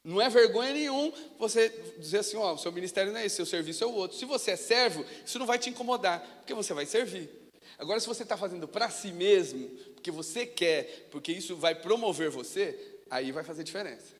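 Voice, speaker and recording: Animated male preacher in echoing church. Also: high-pitched, fast talker. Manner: storytelling, animated, casual. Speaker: pastor. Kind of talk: sermon. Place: church sanctuary. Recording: long reverb of a church hall.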